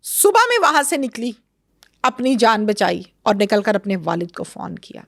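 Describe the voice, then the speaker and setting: A woman, an interview guest, recounting a crime case in lively conversation and acting out the quoted dialogue. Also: mid-range voice, creaky, no room sound, clean studio sound. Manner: animated storyteller, acts out quoted dialogue.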